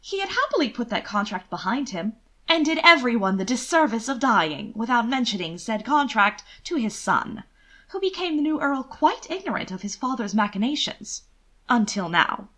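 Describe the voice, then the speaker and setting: A woman narrates scripted period fiction as an audiobook, telling the story in an expressive, theatrical way. Her voice is on the high side and her speed is normal.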